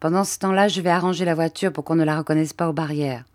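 Woman doing grown man, brisk, commanding, short orders, audiobook. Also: sits low, fairly even intonation, a little mellow, lightly acted. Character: Bob, gruff helpful grown man.

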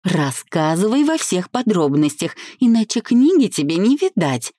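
A woman reading an audiobook voices an eager, nosy young female friend, her voice rising high with excitement. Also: normal speed, no echo, studio quality. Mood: teasing.

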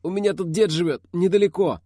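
A man doing a wounded Kazakh man, high and strained. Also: fast talker, warm tone, husky, dry recording, studio quality. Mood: urgent.

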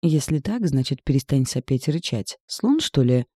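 A man voicing a fiery, sharp-tongued young village woman in an audiobook, scolding and sarcastic with a raised voice. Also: mid-range voice, sing-song, moderate pace, no room sound, clean studio sound. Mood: angry scolding. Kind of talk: audiobook character reading.

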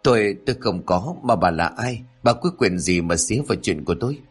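A man's voice: on the low side, expressive, brisk, breathy edge, soft background music. A man voicing a scheming, frightened village woman who snaps back defensively in a horror story. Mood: panicked.

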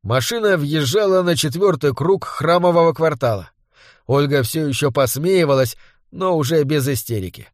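A man narrating an audiobook with a fairly high-pitched voice. He reads in a measured, dramatic way, and the sound is close and dry, with no room echo. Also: lively intonation. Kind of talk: scripted narration.

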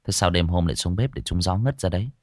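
Calm soothing older brother, read by a man. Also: low voice, quick pace, dry recording, clean studio sound. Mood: reassuring. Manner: soft, calm, reassuring. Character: calm protective older brother, young adult.

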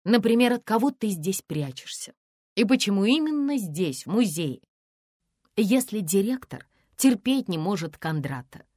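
A woman reading an audiobook and voicing an indignant, pushy young woman who speaks in raised, sharp outbursts. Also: medium pitch, very animated, a little slow, dry recording, studio quality, pitched above the performer's own voice.

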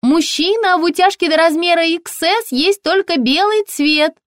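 A woman's voice: very high-pitched, moderate pace, no echo, studio quality, voice pushed up. A woman reading an audiobook, voicing a chirpy, pushy young female shop assistant with a ringing voice. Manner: bright, ringing, relentlessly chatty.

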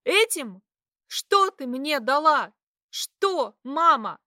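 A woman reading an audiobook, voicing a defiant young art student who shouts back at her parents. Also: big pitch swings, very slow, no room sound, studio quality, full character voice. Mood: furious. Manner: high, shouting, tearful defiance.

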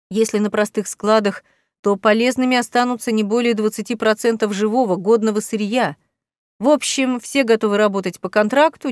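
Brief: weary, earnest male alien starship captain, read by a woman, measured audiobook delivery, dry close sound. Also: on the high side, no echo, natural voice. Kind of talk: audiobook character reading.

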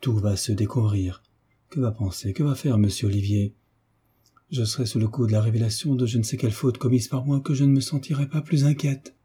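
A man reading the part of an anxious young noblewoman speaking low and worried. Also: fairly quick, dark tone, slightly rough. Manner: worried, whispered aside.

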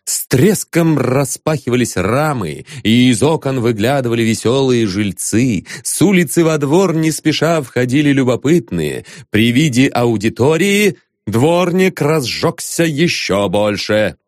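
A male audiobook reader narrates a satirical novel in an expressive storytelling manner. His pitch moves a great deal, and his voice sits at a middling pitch. The recording is dry and close. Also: measured pace, no room sound. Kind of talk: satirical novel read aloud.

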